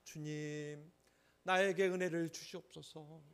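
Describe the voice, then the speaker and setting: A man's voice: steady tone, a little slow, fairly bright tone, clear, resonant tone. A man voicing a pleading mother begging for mercy. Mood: fervent pleading. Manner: earnest, pleading, rising in pitch.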